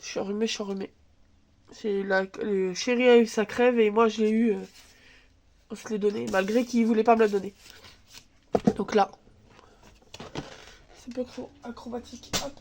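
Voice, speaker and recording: A woman with a cold-blocked nose hosts her crafts channel's casual tutorial from a home table, thinking aloud chattily with filler words as she works. Her slightly mellow voice is on the high side with fairly even intonation, normal speed and frequent pauses. The overhead camera audio has a little hiss or hum.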